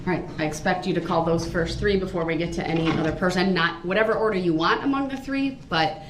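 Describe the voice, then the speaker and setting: A woman judge giving firm, measured instructions and rulings, heard in a courtroom recording played back. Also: lowish voice. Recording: echoey, distant, noisy courtroom recording.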